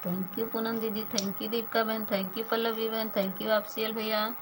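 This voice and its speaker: A woman's voice: a little high, flat delivery, a little slow, noisy background. A woman in her thirties hosting a casual live stream, chatting with viewers and thanking them by name.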